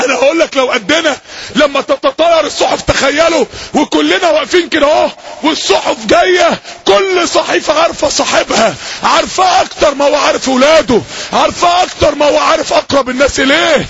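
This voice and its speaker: A male preacher with an Egyptian accent, giving an impassioned sermon to a gathering, often shouting and repeating himself. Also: very high voice, vocal fry. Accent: Egyptian Arabic. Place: public gathering. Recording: dull lo-fi recording with faint hiss.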